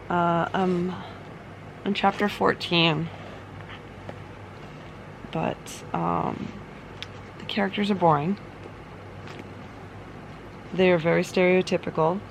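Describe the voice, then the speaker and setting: A woman's voice: on the low side, vocal fry, rough recording. A woman chatting casually and ramblingly in a reading vlog, sounding unimpressed as a book reviewer. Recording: fan noise behind the voice. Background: running fan.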